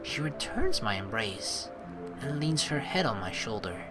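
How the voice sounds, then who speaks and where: Over game music, a let's play host rambles informally, mixing casual commentary on the game with dramatic readings of its story text. His voice sits at medium pitch, and he's very animated while keeping a measured pace.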